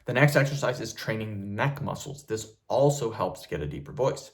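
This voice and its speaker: Firm, deep-voiced man giving a casual tutorial. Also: lively intonation, moderate pace. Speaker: YouTube host giving voice tutorials. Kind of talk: instructional talk to viewers, casual.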